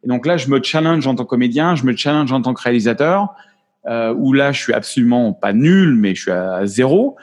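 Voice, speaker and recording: A man's voice: mid-range voice, lively intonation, brisk, a little mellow. A man in his forties, a photographer and actor, chatting openly as an interview guest and often restarting his words. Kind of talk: casual interview chat.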